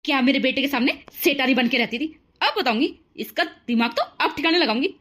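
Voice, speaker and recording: Woman doing a cartoon mother-in-law, bullying, taunting, scolding, high-pitched. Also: a little fast, fairly bright tone. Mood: scornful. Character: harsh older mother-in-law, scornful and bullying.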